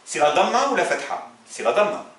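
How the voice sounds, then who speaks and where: This is a classroom grammar lesson where a man teaches Arabic to a class in French, frequently telling them to look and answering his own questions. His voice is high and fairly bright with big pitch swings, fairly quick. The room echoes and the mic is far off.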